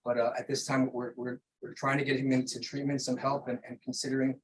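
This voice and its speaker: A man's voice: medium pitch, flat delivery, quick pace, slight background noise, low-quality recording. A man acting as defense attorney, speaking formally to the judge at a hearing. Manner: formal, repeats "Judge" often. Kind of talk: courtroom address.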